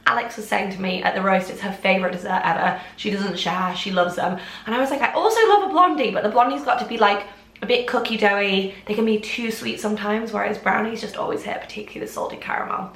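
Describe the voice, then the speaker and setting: A young English vlogger in her twenties chats bubbly and rambling in her home kitchen, often saying "like" and "oh my gosh." Her voice is medium-pitched, a bit bright, slightly snuffly and congested, recorded in an echoey room.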